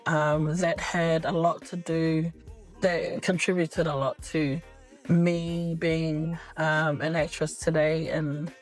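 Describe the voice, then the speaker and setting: A middle-aged woman with a lowish voice answers interview questions about her acting work. She speaks in a relaxed way and often pauses on fillers and restarts. Faint music plays under her voice. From New Zealand. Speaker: actress.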